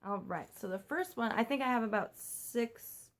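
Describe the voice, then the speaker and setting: A young woman from the US chatting in a casual home vlog, recorded on a phone while keeping her voice down at night. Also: on the high side. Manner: chatty, talks fast, keeps voice down. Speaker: vlogger.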